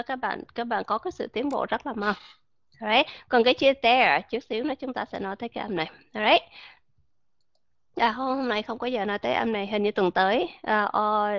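A woman teaching English pronunciation in a live online class, encouraging and slowly repeating words as drills. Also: a little high, no echo, muffled recording. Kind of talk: live online voice-chat lesson.

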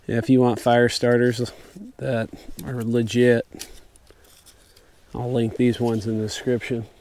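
A young man vlogging while fishing from a river sandbar at night, talking to himself in a relaxed, wry way, recorded outdoors on a camera mic. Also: medium pitch, measured pace. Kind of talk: casual outdoor vlog narration. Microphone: camera-mounted mic, sometimes off-axis.

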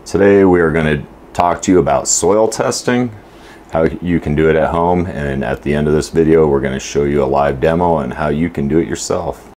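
Man in his fifties, very low voice, steady instructive explainer, home kitchen. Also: fairly quick, a little hiss or hum. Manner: steady, instructive, listing points. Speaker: homesteading channel co-host. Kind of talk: scripted explainer to camera.

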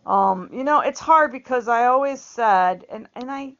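Animated and fairly bright, the middle-aged woman's fairly high voice moves a little slowly as she vlogs. It's a casual, meandering monologue with repeated words and frequent laughs, on a dull lo-fi recording.

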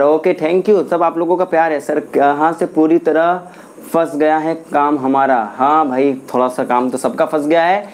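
A man's voice: fairly high pitch, darkish tone. Chatty, encouraging male chemistry teacher. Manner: chatty and encouraging, mixing in English words. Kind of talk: live-stream class, reading viewer comments. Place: at home during lockdown.

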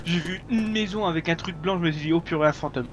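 A man's voice: a little high, fast talker. Joking young man in noisy game capture. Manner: joking, playful, laughs a lot. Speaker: gaming video host. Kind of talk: casual gameplay commentary.

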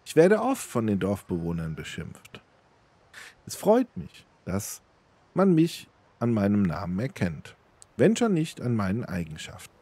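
A man voicing a croaking female goddess of decay disguised as a ragged beggar, in a high put-on woman's voice with a solemn, aloof manner. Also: huge pitch swings, a little slow, mellow, no room sound, exaggerated voice.

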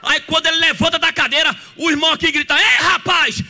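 A man with a Pernambuco accent, a gospel singer telling a lively testimony in church that breaks into singing and shouted praise, with music behind him. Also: very high voice, rapid-fire. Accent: Pernambuco Brazilian Portuguese.

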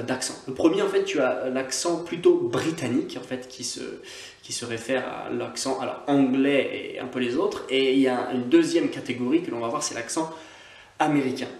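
Scottish teacher in a roomy echo. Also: male voice, mid-range voice, darkish tone. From Scotland. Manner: chatty, repeats words for drilling. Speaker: online English teacher. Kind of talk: casual video lesson. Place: on holiday, away from usual setting.

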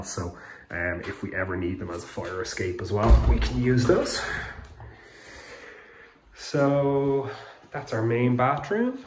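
Low, even-toned man touring a renovation. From Ireland. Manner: relaxed, explanatory, many fillers. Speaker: home renovation vlogger. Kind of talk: casual walkthrough narration. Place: unfinished house under renovation, indoors. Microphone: handheld phone camera. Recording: echoey bare rooms, faint background noise.

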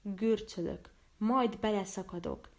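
A woman's voice: medium pitch, vocal fry, lightly acted. A woman reading a stern weary poor father. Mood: bitter.

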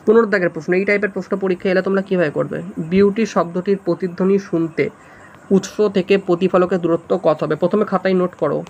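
A man with a fairly high voice teaches an exam-prep class. He works through multiple-choice answers step by step and keeps checking that his students follow. A faint hiss sits under the recording. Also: fairly even intonation, fast talker, vocal fry, a little mellow, lo-fi sound. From West Bengal.

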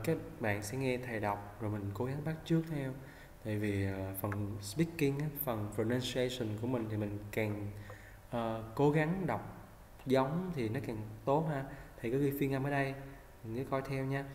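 A man teaching English vocabulary, patiently repeating each word slowly so students can copy his pronunciation. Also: mid-range voice, darkish tone. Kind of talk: vocabulary lesson. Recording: echoey room with faint hum.

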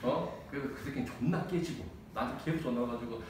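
A man's voice: medium pitch, fast. Slangy male math teacher in an echoey classroom. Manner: blunt, slangy and profane, laughing often. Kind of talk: casual lecture mixing a personal story with a math lesson. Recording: echoey room, distant mic, noisy.

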